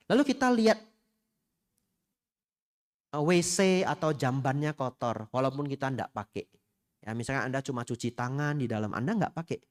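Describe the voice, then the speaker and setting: A middle-aged man, a Buddhist monk, giving a humorous Dhamma talk to a congregation, asking them questions and mixing in Hokkien phrases. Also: medium pitch. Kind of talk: sermon. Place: temple hall before a congregation.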